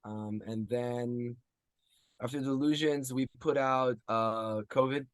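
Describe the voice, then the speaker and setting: A man's voice: mid-range voice, steady tone, takes it slowly, no room sound. A man in his thirties from Israel, a guest musician answering interview questions in a rambling casual way with many ums.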